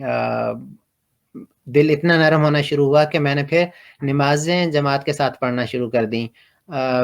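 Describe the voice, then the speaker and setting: A middle-aged man from Pakistan, telling his personal story slowly and hesitantly, with many pauses and fillers. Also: medium pitch. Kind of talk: reflective personal testimony.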